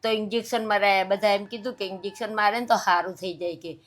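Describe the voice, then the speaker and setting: A woman's voice: medium pitch, fairly even intonation, fast, fairly bright tone. An older woman, crying as she tells of her hardships in an interview, pleading and repeating herself. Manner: tearful, pleading, repetitive. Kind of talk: emotional personal account.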